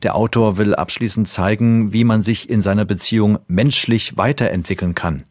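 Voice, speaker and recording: A man's voice: fairly low pitch, normal speed, a little mellow, no echo, studio quality. A man reading a formal radio announcement.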